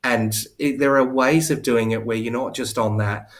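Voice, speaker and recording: On a video call from home, a hair coach and salon owner chats in a casual live interview, talkative and self-deprecating, often restarting his sentences. His mid-range voice stays steady at a moderate pace.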